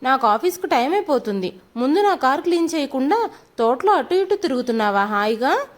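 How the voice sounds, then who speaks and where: A woman's voice: sits high, sing-song, a little fast. A woman reading as an arrogant, bullying rich man. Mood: angry scolding. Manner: shouting, scolding.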